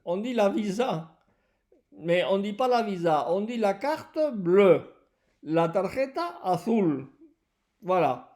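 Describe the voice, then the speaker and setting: A woman teaching French to Spanish speakers in a slow lesson. She repeats each phrase and translates it. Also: medium pitch, very animated, dark tone. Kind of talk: bilingual language lesson.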